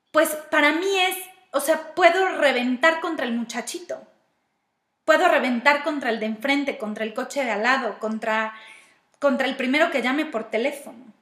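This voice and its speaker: A woman with a Mexican Spanish accent offers personal-growth advice in a reflective self-help talk, her voice high and a bit bright. She walks through steps and poses questions to herself aloud. The room gives the recording a noticeable echo.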